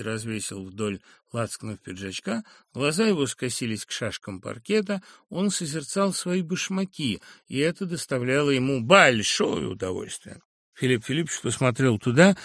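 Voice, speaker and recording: A man narrating a literary audiobook in a measured, expressive storytelling manner. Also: medium pitch, dry recording, studio quality.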